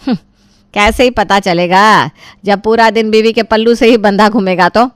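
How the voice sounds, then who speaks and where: A woman's voice: mid-range voice, fairly even intonation, normal speed, smooth, dry recording, studio quality, lightly acted. A woman voicing a bossy older mother-in-law who scolds and barks orders at her household. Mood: sarcastic.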